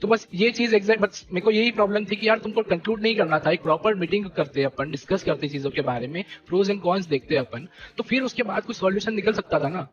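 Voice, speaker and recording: Young guy ranting on his stream, high-ish voice, super worked up, muffled lo-fi sound. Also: fast talker, few pauses, over music. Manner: animated and indignant, keeps repeating "theek hai" and "bhai". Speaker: esports team leader streaming to viewers. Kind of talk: heated live-stream rant.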